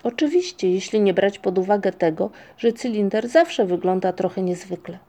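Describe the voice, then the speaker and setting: A woman reads a children's story aloud with a mellow, soft tone. Her narration is measured and expressive, at a middle pitch. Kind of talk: audiobook storytelling.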